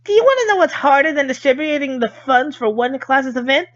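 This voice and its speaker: A man's voice: extremely high pitch, expressive, a little fast, fairly bright tone, lo-fi sound, pitched above the performer's own voice. A man voicing a bubbly schoolgirl who relays a strict student council president's lectures in a bossy, emphatic way. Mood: scolding.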